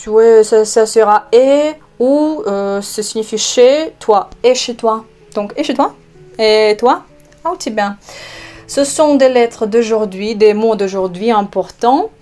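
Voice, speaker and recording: A woman from Russia with a Russian accent gives an online language lesson, slightly high in pitch. She speaks very slowly, pausing with hesitations and repeating examples. Soft music plays faintly behind her. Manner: slow, explanatory, frequent hesitations and repeated examples. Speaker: language teacher.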